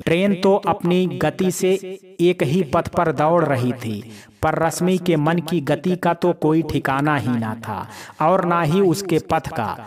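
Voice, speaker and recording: A man narrating a family drama in a measured, descriptive way, with crowd noise behind. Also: a little high. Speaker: storyteller.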